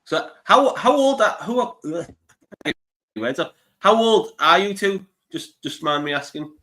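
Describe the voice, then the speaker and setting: A man's voice: high-pitched, sing-song, a little slow, pushed and bright. A man in his thirties, congested with the flu, hosting a casual live interview, chatty and laughing often. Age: 30s. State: stuffy with flu. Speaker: interview host.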